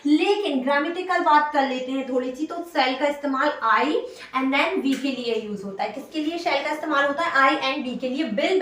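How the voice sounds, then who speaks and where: A woman's voice: high voice, a bit bright, far from the mic. A woman teaching an English grammar lesson, explaining patiently and repeating every example sentence. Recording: echoey room, voice from afar.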